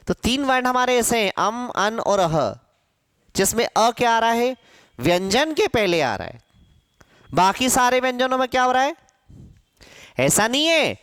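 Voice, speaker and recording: Slow, lively-pitched man teaching a class. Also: clear, resonant tone, no echo, clean studio sound. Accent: Hindi, from central India. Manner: asks questions and answers them himself, repeating sounds slowly. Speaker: Hindi teacher. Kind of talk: classroom grammar lesson.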